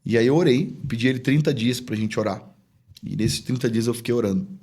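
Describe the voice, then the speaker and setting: A pastor who also owns a business tells a personal story as a guest on a podcast, chatty and earnest, acting out dialogue he remembers. He speaks fairly quickly in a medium-pitched voice that is a little mellow and husky.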